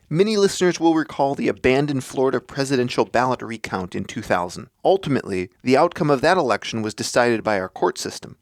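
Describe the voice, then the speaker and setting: Measured male podcast host, dry sound. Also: mid-range voice, dry recording. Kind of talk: scripted explanatory monologue.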